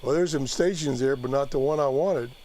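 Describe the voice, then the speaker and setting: A man giving a casual live app tutorial as host, haltingly thinking aloud as he works through it. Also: mid-range voice, mellow. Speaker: host demonstrating a radio app.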